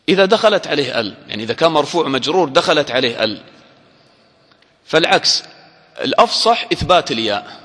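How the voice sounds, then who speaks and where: A man teaching a grammar lesson to a class, quizzing listeners with short questions and drawing out example words slowly. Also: fairly high pitch, fairly bright tone. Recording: long hall reverb.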